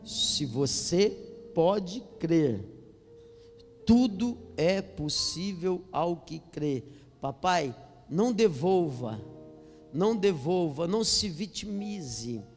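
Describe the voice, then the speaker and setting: A man preaching a sermon in a church, dropping to soft, low appeals and then rising to loud, shouted exhortation. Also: animated, takes it slowly. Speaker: pastor. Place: church sanctuary. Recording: long hall reverb with faint music.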